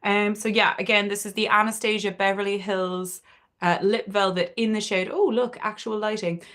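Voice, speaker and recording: A young woman with a Cork Irish accent runs a casual makeup livestream, speaking openly and swearing freely as she works. Her voice is mid-range and fairly bright, with fairly even intonation and a normal pace.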